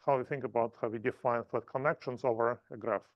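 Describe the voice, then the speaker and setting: A man lecturing at a math seminar, thinking aloud in halting phrases and restarting often. His voice sits at a middle pitch. The sound is dry and a bit muffled. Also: fairly even intonation, dry recording. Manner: halting, self-correcting explanations.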